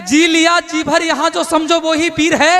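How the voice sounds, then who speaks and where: A man's voice: very high-pitched, level tone, moderate pace, bright, forceful tone. A man reciting devotional verse on stage in a declamatory manner, repeating couplets for emphasis. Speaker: poet on stage. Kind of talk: Hindi devotional poetry recital at a poets' gathering. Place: poets' gathering before an audience. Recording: live stage microphone, faint crowd behind.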